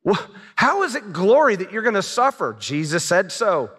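A man in his fifties preaching a sermon on a large church stage, telling stories with lively gestures. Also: high-pitched, normal speed, husky. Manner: animated storytelling preacher, gestures a lot. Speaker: pastor. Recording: long reverb of a large hall.

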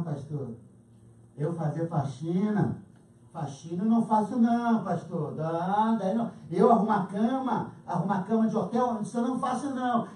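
A woman's voice: fairly high pitch, mellow, close to an everyday voice. A Brazilian woman preacher voicing a proud churchgoer who refuses humble work, protesting in broken grammar. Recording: roomy hall from far off.

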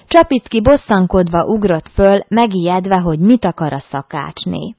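A woman narrating a classic novel as an audiobook in a measured storytelling manner. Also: fairly low pitch, no echo. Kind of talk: reading a classic novel aloud. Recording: dull dry recording.

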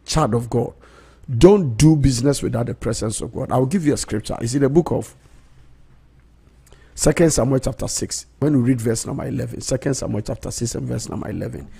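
A man's voice: medium pitch, fairly quick, vocal fry, mellow, husky. A middle-aged man, preaching as host of a prayer broadcast, emphatic and repeating key phrases, on a close studio mic. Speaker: pastor and prayer programme host. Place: small indoor radio studio. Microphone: close studio mic on boom arm, headphones.

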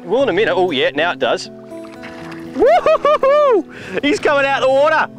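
A middle-aged Australian man hosting a fishing show, explaining technique on a riverbank and getting excited when fish bite. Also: very high-pitched, moderate pace, soft background music. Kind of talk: on-location fishing demonstration. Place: outdoors on a river beach.

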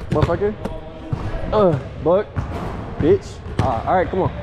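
A man in his twenties chatting casually while playing basketball, with slangy, sweary, excitable banter, recorded on a chest-mounted camera. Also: a little high, unhurried, over loud music. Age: 20s. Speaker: vlogger playing pickup basketball. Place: indoor gym, partly a tiled restroom. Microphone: chest-mounted action camera. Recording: noisy gym with bouncing balls.

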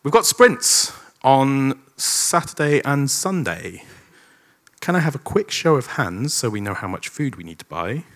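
A man's voice: medium pitch, very animated, measured pace, a bit bright. Upbeat man opening a conference. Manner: upbeat, lightly joking housekeeping announcements. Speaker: conference organizer giving opening words. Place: large conference hall with an audience.

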